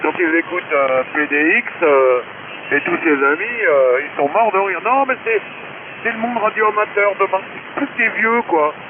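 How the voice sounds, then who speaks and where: Over hissy, static-laden narrowband shortwave radio, an amateur radio operator chats casually in a crude, slangy way. His voice sits high and moves at a normal speed.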